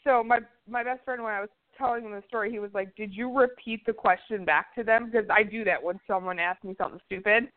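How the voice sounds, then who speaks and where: A woman's voice: medium pitch, fast talker, few pauses. A woman co-hosting a podcast in casual chat, telling stories in a blunt, sarcastic way. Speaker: podcast co-host. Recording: tinny phone-like line.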